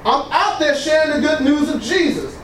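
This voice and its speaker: A pastor's booming, expressive voice fills a church hall at normal speed, with a slightly bright tone. He leads the congregation in repeated phrases and shouts praise to God. The mic is switched off, leaving a far-off, echoey recording with faint noise.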